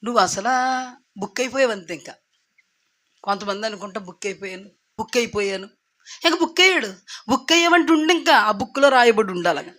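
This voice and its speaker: A woman preacher delivers a storytelling sermon in a bright, sharp-edged voice set a little high for a woman. She keeps it lively, firing rhetorical questions at the congregation and slipping into the characters' lines as she goes. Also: brisk, pauses often. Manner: lively, acts out biblical characters in quoted voices.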